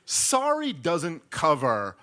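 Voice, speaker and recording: A man doing stand-up, telling a rambling story with animated, mock-exasperated delivery. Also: a little high, slow. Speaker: comedian.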